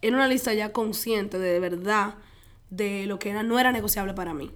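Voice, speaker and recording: A young adult woman, a guest, telling a personal story in an animated way, laughing often and acting out her own quotes. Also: mid-range voice, brisk.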